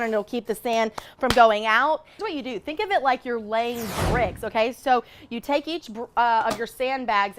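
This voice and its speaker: A woman's voice: fairly high pitch, a bit bright, a little hiss or hum. A woman news reporter giving an emphatic, instructional demonstration to camera, checking that listeners follow.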